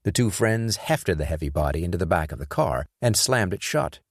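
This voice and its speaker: Deep-voiced male audiobook narrator. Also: dry recording, studio quality. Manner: steady, measured storytelling. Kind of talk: scripted narration.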